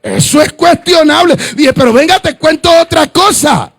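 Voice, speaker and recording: A male pastor preaching a sermon, telling stories in quoted dialogue and rising into shouted, singsong fervor. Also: very high voice, normal speed, gravelly.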